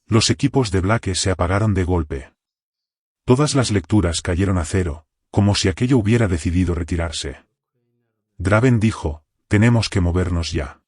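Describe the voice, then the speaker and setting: A man with a low voice tells a military horror story in the first person. His scripted delivery keeps a tense, controlled edge. The recording is close and dry. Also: lively intonation, moderate pace, pauses often, darkish tone, dry recording. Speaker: narrator.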